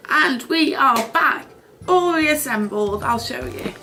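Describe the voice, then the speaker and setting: A British vlogger chats off the cuff in a casual, unscripted get-ready-with-me video, rambling and poking fun at herself. Her voice sits high and bright with lively intonation and a forceful tone, and she talks slowly over soft background music.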